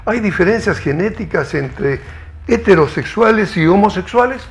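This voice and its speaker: A man hosting a televised science interview, asking measured, formal questions. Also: high-pitched, expressive, creaky, slight background noise.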